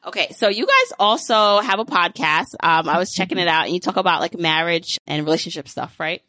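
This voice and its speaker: With a lowish, sing-song voice that's bright and forceful, a woman in her thirties hosts a podcast, moving through a relaxed interview and outro at a slightly fast clip. She's cheerful and chatty, using "like" again and again, and the recording is dry.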